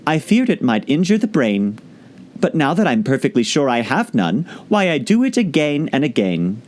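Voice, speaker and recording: A cranky, self-satisfied old father from a storybook poem, acted out by a man. He declaims in rhythmic verse with a raised, hugely animated voice. His manner is boastful and short-tempered. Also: on the high side, normal speed, pitched above the performer's own voice. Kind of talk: audiobook poem recitation.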